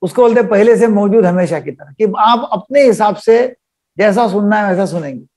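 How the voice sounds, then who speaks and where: Older man, high-voiced webinar psychiatrist. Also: lively intonation, fairly quick, a little mellow. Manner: explains by acting out little dialogues. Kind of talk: live webinar talk. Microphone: video call.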